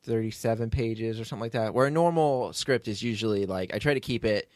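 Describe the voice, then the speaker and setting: This podcast host, also the writer and producer of an audio drama, keeps a quick pace with a voice on the low side. His casual behind-the-scenes chat is rambling, joking, and self-deprecating. The clean studio recording has no room sound.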